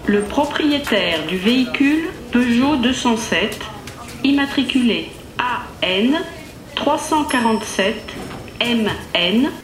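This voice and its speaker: A woman making clear, formal announcements over a PA system, as in a recorded language lesson. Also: on the high side, lively intonation, slow pace, echoey room, low-quality recording. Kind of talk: scripted public announcements.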